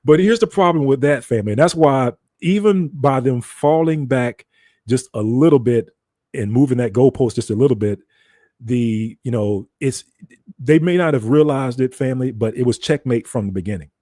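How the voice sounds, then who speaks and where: A man's voice: medium pitch, normal speed, warm tone, dry recording, studio quality. An American man giving an informal teaching talk in a conversational, explanatory way, repeating phrases for emphasis. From United States. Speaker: broadcaster.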